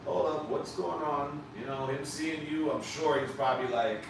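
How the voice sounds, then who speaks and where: This podcast host's voice sits on the high side, with a steady tone and normal speed. He interviews his guest live on a couch set, talking with animated emphasis and casual cursing, captured by a distant mic in an echoey space with background noise.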